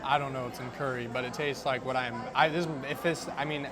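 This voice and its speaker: A man's voice: mid-range voice, steady tone, fairly quick. A man giving a casual, informal food review in the manner of a vlogger, thinking his opinions through aloud. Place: outdoors at a theme park. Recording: outdoor vlog with clear music behind. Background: music and outdoor park sounds.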